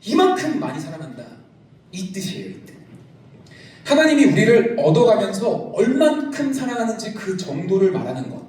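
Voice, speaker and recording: A middle-aged male pastor preaching a youth service sermon in a large church sanctuary, lively and joking with the congregation. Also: high-pitched, brisk, slight background noise. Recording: echoey church hall, from a distance.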